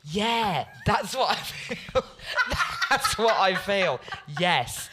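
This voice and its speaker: A young woman co-hosting a casual radio talk show, animated and laughing, often trailing off and restarting her sentences. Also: medium pitch, extremely slow, very noisy. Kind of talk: casual chat. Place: radio studio.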